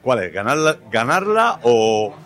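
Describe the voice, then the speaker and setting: A man interviewing local tennis players, asking brisk, direct questions. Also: medium pitch, very animated, fairly bright tone.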